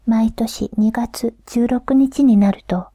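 A woman's voice: on the high side, fairly even intonation, dry recording. Woman whispering a folk tale. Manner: soft, unhurried whisper. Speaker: storyteller.

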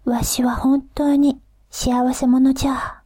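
A woman voicing a gentle, grateful old grandfather near death, in a soft whisper with old-fashioned country speech. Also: high-pitched, level tone, takes it slowly, breathy edge, no echo, heavily acted. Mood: tender. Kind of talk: whispered storybook reading.

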